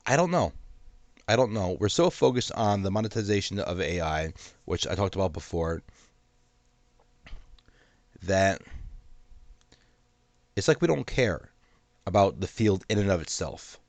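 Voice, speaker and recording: A man hosting his own channel, giving a measured, cautionary solo commentary while congested from a sinus infection. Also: low-pitched, big pitch swings, no echo.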